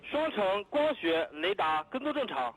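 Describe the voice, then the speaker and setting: A man's voice: high-pitched, very animated, a little slow, slight background noise, poor audio. A man working as a launch control dispatcher, giving clipped, formal mission control radio callouts. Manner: clipped formal procedural announcements.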